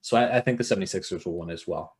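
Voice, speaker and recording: A man's voice: deep voice, rapid-fire. Easygoing man hosting a sports chat. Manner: easygoing, jokey, steers the talk with questions. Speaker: podcast host.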